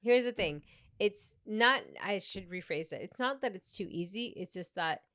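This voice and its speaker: A young woman from Peru chats on a comedy podcast. She tells animated stories, slides between English and Spanish, and laughs through her anecdotes. Her voice is smooth and clear, recorded close and dry with no room sound. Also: medium pitch, moderate pace, no echo. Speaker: podcast co-host and stand-up comedian. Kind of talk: casual podcast chat.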